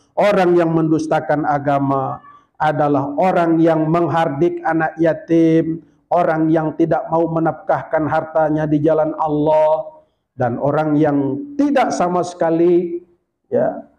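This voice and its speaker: A male preacher delivers a sermon in a lively storytelling manner, breaking into recited Arabic verses. His voice sits high. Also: low-quality recording.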